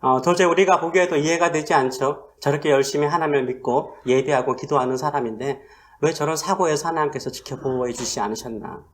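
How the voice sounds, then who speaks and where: A male pastor delivering a sermon, asking rhetorical questions and swinging between loud emphasis and hushed asides. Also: fairly high pitch, fast talker.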